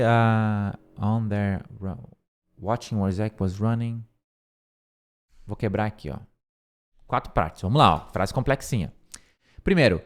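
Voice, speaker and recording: A man with a Brazilian Portuguese accent teaching English in an informal online lesson, explaining step by step and slowly repeating words for pronunciation, recorded on a close microphone. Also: mid-range voice. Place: room with a window, at home.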